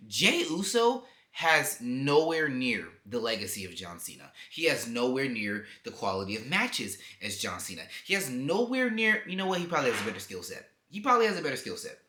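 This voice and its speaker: A man's voice: mid-range voice, sharp tone. Heated young man ranting in echoey room. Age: young adult. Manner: heated, profane, emphatic ranting. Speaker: wrestling commentary vlogger. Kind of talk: opinionated rant to camera. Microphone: camera mic.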